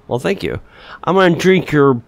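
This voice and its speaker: A man's voice: on the high side, big pitch swings, moderate pace, vocal fry, a little hiss or hum. A man giving casual gameplay commentary, thinking aloud informally as he plays. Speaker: gaming video host.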